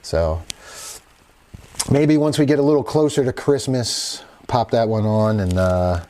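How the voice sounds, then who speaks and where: A middle-aged man chatting through a casual livestream, laid-back and rambling as he reads news aloud. His voice is warm and mellow, and his pitch swings around expressively. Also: expressive, unhurried. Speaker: host.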